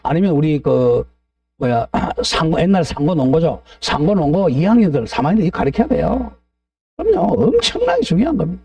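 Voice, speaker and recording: A man's voice: fairly high pitch, sing-song, brisk, mellow, no echo, recorded from a distance. A middle-aged man teaching a real estate law class, drifting into blunt, ranting asides and asking the class to agree. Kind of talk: lecture with opinionated digressions.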